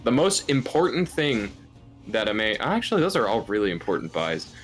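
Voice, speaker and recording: A man's voice: fairly low pitch, very animated, moderate pace, faint music behind. A tired man doing live speedrun commentary, rambling, giggling and tripping over his words.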